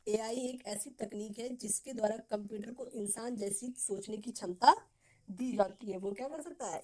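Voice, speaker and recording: A woman's voice: mid-range voice, warm tone, poor audio. A woman teaching an exam-prep class, asking questions and answering them herself and repeating key terms over and over. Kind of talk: Hindi exam-prep lecture.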